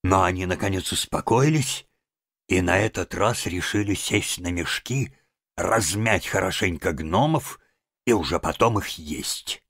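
A man reading a fairy-tale audiobook aloud with expressive storytelling. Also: sits low, unhurried, husky, dry recording, studio quality. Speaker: audiobook reader. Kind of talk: audiobook narration.

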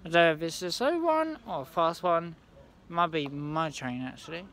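A young man vlogging on a railway platform, talking in a halting, rambling way with many restarts, into a phone held at arm's length. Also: fairly high pitch, expressive, a bit bright. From England. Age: young adult. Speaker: trainspotting vlogger. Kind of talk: casual handheld vlog. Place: outdoor railway station platform.

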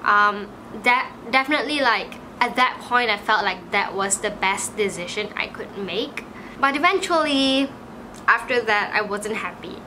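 Speaking at medium pitch and an unhurried pace over a noisy background, this twenty-something vlogger has a Malaysian English accent. She chats casually and animatedly to camera from a small room, dropping "like" again and again.

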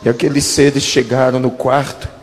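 A pastor in his thirties telling a dramatic testimony in a sermon, with slow emphatic pauses. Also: mid-range voice, flat delivery. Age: 30s. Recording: long church-hall reverb with music.

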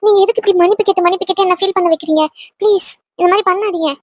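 A woman voicing a gentle young daughter-in-law who asks her elders not to apologise. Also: very high voice, fairly even intonation, very fast, no echo. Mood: emotional.

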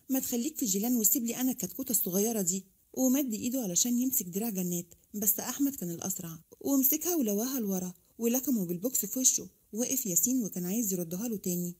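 A woman's voice: fairly high pitch, warm tone, breathy edge. A woman with an Egyptian accent reading a romance story aloud and voicing all the characters. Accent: Egyptian Arabic.

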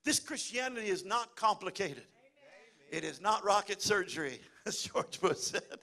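A middle-aged man preaching a lively sermon in a church, calling out for amens. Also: high-pitched, moderate pace. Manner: lively preaching, calls for amen and hallelujah. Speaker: pastor. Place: church sanctuary.

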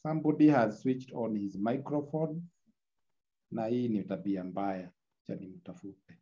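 A man gives an online lecture, captured in a screen recording of the video call. His voice is dark and mellow, and the audio is muffled and lo-fi. He repeats key lines and keeps checking in with the class. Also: on the low side, measured pace. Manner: repetitive, checks in with tag "eh?".

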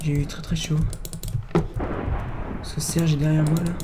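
A man's voice: a little high, flat delivery, slow pace. A man giving casual gameplay commentary and teasing the characters he meets in the game. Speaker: let's play gamer. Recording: constant clear noise with keyboard clicks. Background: keyboard typing and clicks.

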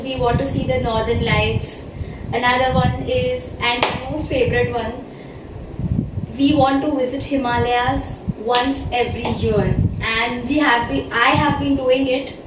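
Woman, 20s, from India, vlogger, casual chat, animated talker, slightly high voice, far camera mic, roomy echo. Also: measured pace. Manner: chatty, gestures with both hands. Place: bedroom, indoors. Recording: echoey room, far from mic, loud hiss.

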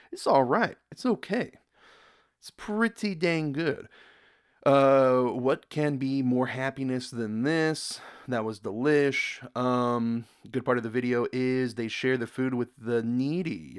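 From a dimly lit room, a young man from the United States rambles through a casual reaction video in a mid-range voice. He repeats words and reads comments out loud.

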